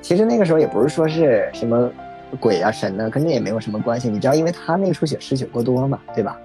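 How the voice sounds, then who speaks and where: A young man in a podcast, telling a painful personal story in a quiet, reflective way. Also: mid-range voice, big pitch swings, quick pace, music in the background.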